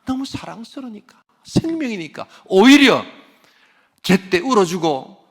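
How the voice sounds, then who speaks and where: Older male pastor, high gravelly voice, tells stories animatedly in a sermon, hushes to a whisper for emphasis. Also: big pitch swings, unhurried.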